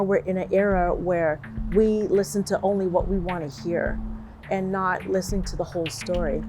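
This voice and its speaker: A middle-aged woman talks conversationally outdoors, an instructor in an interview. Her pitch is ordinary. Music plays clearly under her voice. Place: outdoors by flower beds. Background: background music.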